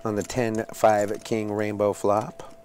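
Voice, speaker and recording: A man giving hushed live poker commentary, calling each action in a measured way. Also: fairly low pitch, level tone, slight background noise.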